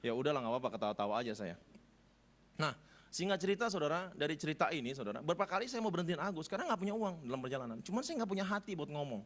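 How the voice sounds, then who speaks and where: A middle-aged male pastor telling a personal story in a sermon, animated and joking, his voice climbing high when moved. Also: rapid-fire. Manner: animated, humorous, rising high when emotional. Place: church service.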